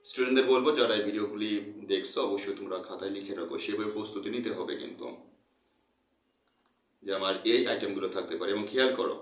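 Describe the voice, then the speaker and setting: A man's voice: on the low side, fast talker, distant mic. A man teaching an English textbook in an earnest, repetitive way, mixing English terms into his talk. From Bangladesh. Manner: earnest, repeats points, mixes English terms. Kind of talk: explaining a textbook lesson. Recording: echoey room, voice off-mic.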